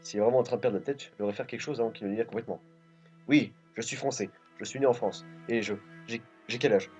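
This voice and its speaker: A man's voice: medium pitch, fast talker, a little mellow, faint music behind, close to an everyday voice. A man reading aloud the lines of a confused young male hero who has lost his memory, in a bewildered, questioning manner. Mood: puzzled. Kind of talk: reading game dialogue aloud. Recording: dull lo-fi recording.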